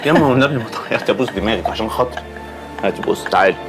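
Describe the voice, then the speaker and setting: Blind Egyptian son, played by an actor, teasing and tender, very fast talk over music. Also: male voice, fairly low pitch, natural voice. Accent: Egyptian Arabic. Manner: teasing, affectionate. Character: blind young man teasing his mother.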